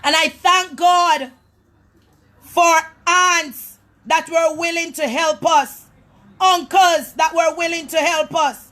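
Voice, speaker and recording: Very high, bright-voiced preaching woman. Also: fairly even intonation, slow. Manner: fervent, often raising her voice to a near shout; addresses listeners directly as people of God. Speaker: prophetess and apostle. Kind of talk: personal testimony to an online audience.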